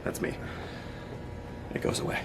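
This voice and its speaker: A young man vlogging casually from the gym, crude, joking and swearing a lot. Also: unhurried. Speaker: fitness vlogger.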